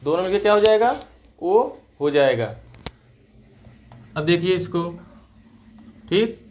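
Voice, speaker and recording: A man's voice: high voice, lively intonation, slow pace, darkish tone, slight background noise. A man teaching Hindi grammar in class, asking questions and checking understanding with short "right?" prompts after each point. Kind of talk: classroom lesson with call-and-response.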